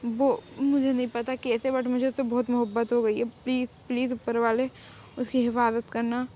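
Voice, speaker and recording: A woman's voice: a little high, level tone, normal speed, lightly acted. A woman voicing a young husband who is possessive at first, then devoted and pleading, in a fan-made story, recorded on dull lo-fi audio with faint noise. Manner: pleading, insistent.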